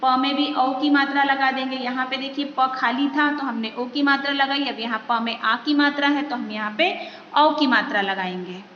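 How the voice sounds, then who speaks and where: A woman's voice: sits high, steady tone, moderate pace. A woman teacher explaining a grammar lesson patiently, step by step, asking the viewer questions as she goes. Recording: echoey dull room recording with faint noise.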